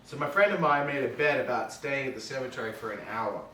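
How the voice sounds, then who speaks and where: A man's voice: mid-range voice, quick pace, sharp tone, far from the mic, close to an everyday voice. A man playing a casual, slangy guy telling a spooky tale to friends at an amateur script table read. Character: casual male storyteller spinning a spooky cemetery tale to friends. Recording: roomy, off-mic, faint noise.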